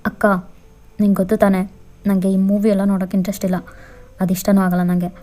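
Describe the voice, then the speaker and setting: A woman's voice: mid-range voice, level tone, brisk, mellow, soft background music, close to an everyday voice. A woman voicing a cold, dismissive young husband who gives curt orders in a bored, bossy way.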